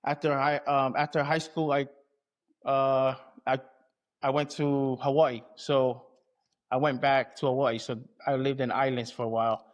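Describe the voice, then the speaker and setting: Through dull audio comes a mid-range, flatly delivered male voice in no hurry. He is an athlete with roots in American Samoa and Southern California, chatting colloquially in an interview and frequently saying "you know what I mean."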